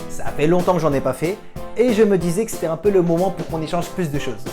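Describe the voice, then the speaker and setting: A man's voice: on the high side, quick pace. A young man from France answering viewer questions in a casual, self-mocking vlog, switching between languages. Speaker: vlogger. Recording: music playing underneath.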